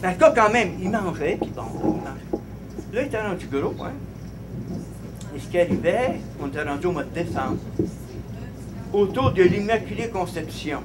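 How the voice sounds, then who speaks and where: A man from Abitibi with a Quebec French accent telling a childhood farm anecdote, animated and laughing, with rambling restarts. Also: high voice, normal speed, pauses often, heavy background noise. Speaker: storyteller. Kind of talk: personal anecdote told live.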